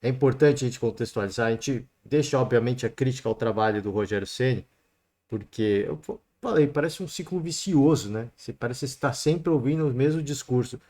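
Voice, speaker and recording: A man's voice: medium pitch, brisk, warm tone. A man with a Brazilian accent hosting a sports podcast alone, giving casual football commentary in a chatty way. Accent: Brazilian Portuguese. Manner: chatty, peppers talk with "né" and "cara".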